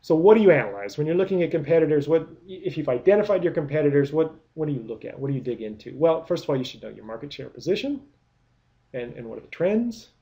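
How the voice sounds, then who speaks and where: A man's voice: on the high side, sing-song, quick pace, gravelly, mellow, dull audio. A man giving a recorded business lecture, explaining step by step with many rhetorical questions and frequent restarts. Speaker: product management lecturer.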